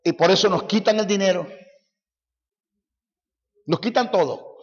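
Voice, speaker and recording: Brief: male Bible teacher, high voice, forceful and mocking, repetitive sermon, echoey lo-fi hall recording. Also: a little slow, breathy edge.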